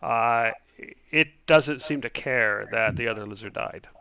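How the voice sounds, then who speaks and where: A man narrating as game master, describing actions and dice rolls in a relaxed way with many fillers. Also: mid-range voice, a little slow, creaky.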